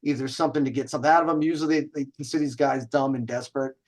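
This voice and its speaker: Rapid-fire and steady in tone, this medium-pitched male host runs a dating advice show. His casual storytelling is brash and emphatic, with drawn-out stressed words, rhetorical questions, and advice aimed at viewers.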